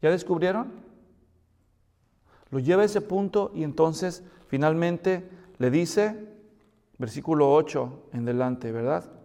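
A man delivers a sermon in a somewhat high voice that rises to emphatic peaks. He asks his listeners question after question. His voice rings with the long reverb of a large hall. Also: takes it slowly, long pauses, mellow. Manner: preaching with rising emphatic peaks and rhetorical questions. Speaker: pastor.

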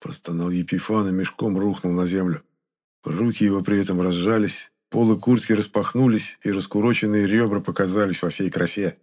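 A man reading a first-person story as an audiobook narrator, with steady storytelling. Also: low voice, brisk.

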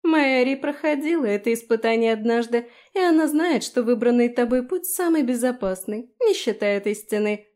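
A woman plays a proud, scheming young noblewoman in a storybook reading. She pleads with tearful urgency, then mocks from a raised, mellow voice. The figure is arrogant and manipulative. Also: fairly high pitch, lively intonation, moderate pace, voice pushed up, close to an everyday voice. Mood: mocking.

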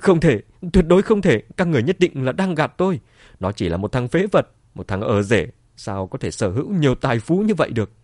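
A man's voice: mid-range voice, very animated, brisk, hardly any pauses, darkish tone, no room sound, clean studio sound. A man voicing a desperate middle-aged wife who pleads and shrieks in a raised voice. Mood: hysterical.

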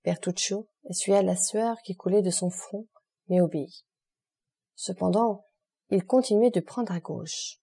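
A woman reads a classic novel aloud in a measured, expressive storytelling voice. Her tone is warm and mellow with a soft, breathy edge. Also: mid-range voice. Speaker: audiobook narrator. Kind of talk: literary audiobook narration.

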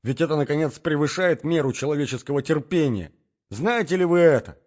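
A furious young gentleman, jilted and hot-tempered, as a man plays him, hurling indignant outbursts in a raised, strained voice. The audiobook recording sounds dull and lo-fi. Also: fairly high pitch, lively intonation, brisk, pitched above the performer's own voice.

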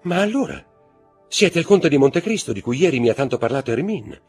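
A man's voice: a little high, big pitch swings, brisk, husky, soft background music, pitched above the performer's own voice, full character voice. A man voicing a frantic noble Parisian mother, pleading and crying out, in an audiobook reading. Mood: anxious. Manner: pleading, breathless, cries out.

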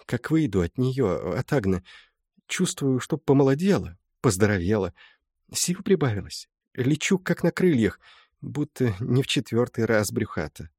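An old village mother recounts her past in a soft, confiding folk-tale manner, as a male audiobook reader puts her on. The voice is mid-pitched for a man and sits very dry and close, with no room around it. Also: big pitch swings, moderate pace, slightly rough, no room sound. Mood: tender. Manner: soft storytelling, folksy and confiding. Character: old village mother confessing, tearful and humble. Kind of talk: audiobook reading.

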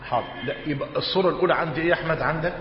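A man's voice: a little high, a crowd in the background. Egyptian man dictating a religious lesson. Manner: dictates slowly, repeating each phrase, quizzing students. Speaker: religious teacher. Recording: dull roomy hall recording, faint hiss.

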